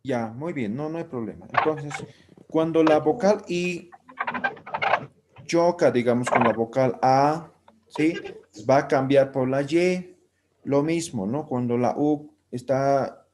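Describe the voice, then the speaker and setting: A male language teacher runs a live class, explaining step by step and constantly checking in with his students. His voice sits at an ordinary middle pitch. The recording carries a clear layer of background hiss. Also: slow pace. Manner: patient, checks understanding with constant tag questions.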